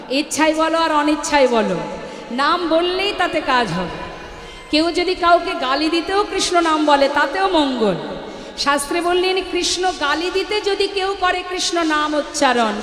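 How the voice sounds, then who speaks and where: A woman's voice: high-pitched, a bit bright. A woman kirtan singer preaching a devotional sermon, stopping to scold latecomers at a live gathering. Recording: echoey hall with music behind. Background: accompanying music.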